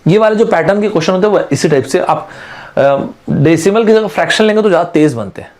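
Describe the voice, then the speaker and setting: A man's voice: high voice, animated, fast talker, a little mellow. A man teaching aptitude in an online exam-prep lecture, chatty and friendly, often calling his students friends and mixing in English terms.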